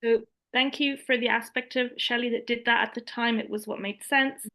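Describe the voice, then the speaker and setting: A woman energy healer calmly guiding a live healing session over a video call. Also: fairly high pitch, normal speed.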